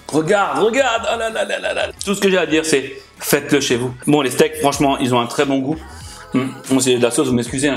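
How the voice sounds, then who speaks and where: An enthusiastic young man hosts his own cooking vlog, his voice sitting a little high for a man. He talks fast and loose, piling on exclamations and slang. Faint music plays quietly underneath. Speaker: cooking vlogger. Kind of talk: excited casual cooking vlog.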